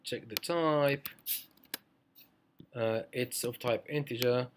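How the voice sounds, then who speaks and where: A man's voice: mid-range voice, slow pace, faint music behind. Hesitant man teaching a coding screencast. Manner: hesitant, many fillers and self-corrections. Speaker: programming instructor.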